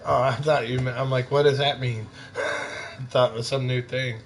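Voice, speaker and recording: A man's voice: mid-range voice, fairly even intonation, normal speed, a little hiss or hum, low-quality recording. A man streaming a game at home, chatting and teasing his family in a joking way. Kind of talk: casual family chat on a live stream.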